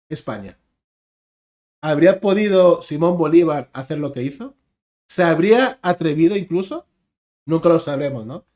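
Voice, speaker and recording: Un hombre con acento de España que comenta y reflexiona con calma sobre un video de historia. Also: male voice, on the high side. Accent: Spanish from Spain. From Spain. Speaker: reaction video host. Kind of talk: casual commentary.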